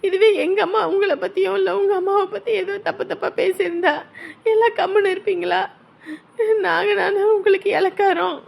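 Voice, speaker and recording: Brief: actress for a bitter, weepy young wife in a family drama; very high voice with a gravelly edge, rapid accusations. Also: female voice, little pitch movement, full character voice. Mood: tearful. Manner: tearful, accusing, rapid-fire complaints. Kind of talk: melodramatic web-series acting.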